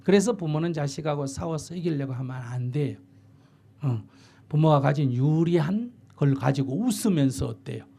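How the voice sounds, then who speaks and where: A man's voice: fairly high pitch, animated, normal speed, vocal fry, mellow, slightly rough. An older man, a Buddhist monk, giving blunt, plain-spoken advice in a dharma talk and acting out what parents and children say. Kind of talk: dharma talk answering a question.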